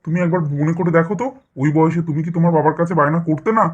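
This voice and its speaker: Guy as a soft-hearted dad, husky and fast, pleading tone, kinda muffled audio. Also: on the high side, steady tone. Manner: pleading, appeasing. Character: soft-hearted doting father. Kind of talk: doll story voice acting. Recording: dull lo-fi recording.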